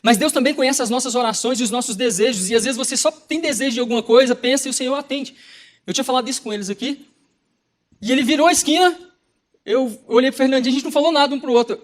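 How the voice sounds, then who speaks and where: Telling a personal story during his sermon, this Brazilian Portuguese-accented pastor gets animated and performs the dialogue himself. He has a very high-pitched voice.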